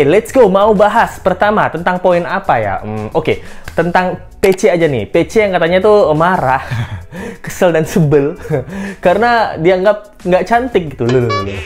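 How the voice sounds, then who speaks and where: A woman hosts a casual commentary vlog in a low voice that swings widely and expressively in pitch. She jokes and teases as she goes, with soft music playing faintly underneath. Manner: playful, joking, teasing. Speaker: host.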